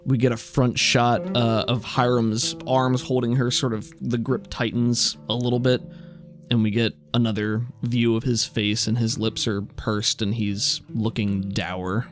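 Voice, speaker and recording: A man's voice: mid-range voice, flat delivery, measured pace, soft background music. A man talking casually as a player in a tabletop role-playing game, thinking aloud. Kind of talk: casual role-play talk.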